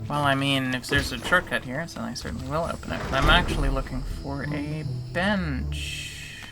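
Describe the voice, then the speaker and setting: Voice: mid-range voice, normal speed, music in the background. A game streamer chatting casually while playing, rambling with playful, self-aware asides. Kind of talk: casual live-stream commentary.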